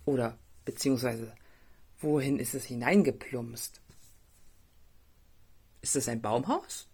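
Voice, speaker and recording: A woman reading a children's story aloud, gentle and expressive, then asking the young listeners questions. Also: rumbling low, slow, husky.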